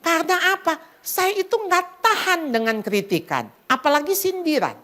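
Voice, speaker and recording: A middle-aged woman speaking for a women's ministry preaches at a moderate pace to a packed church hall during a Christmas event. Calling listeners "saudara" and adding English phrases, she animatedly performs inner voices and prayers with sweeping changes in pitch.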